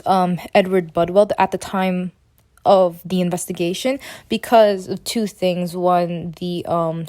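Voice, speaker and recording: A young woman co-presenting a student podcast, summarizing a case in an unscripted, halting way with many fillers and restarts. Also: lowish voice, a little mellow.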